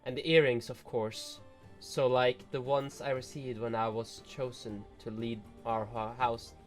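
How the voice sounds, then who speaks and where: A man reading the lines of a proud, tragic snake-woman noble aloud in a measured, solemn way. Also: mid-range voice, level tone, soft background music, pitched below the performer's own voice, natural voice. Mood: wistful. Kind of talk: reading game dialogue aloud.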